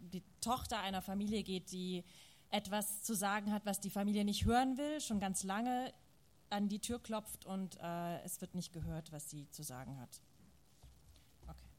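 A woman reading a novel excerpt aloud at a public reading, dramatic and building to loud, shouted passages. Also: mid-range voice. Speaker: reader at a public literary reading.

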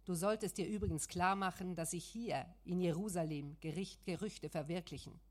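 A woman reading the lines of an angry, grieving man who accuses and defies, loud and bitter, in an audiobook. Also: fairly low pitch, normal speed, lightly acted. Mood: angry, accusing.

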